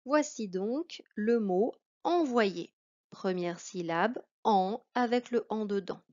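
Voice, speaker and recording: A woman with a French accent teaching a reading lesson to a child, speaking slowly and carefully. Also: mid-range voice, animated, darkish tone. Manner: slow, careful, addressing a child. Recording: dull lo-fi recording.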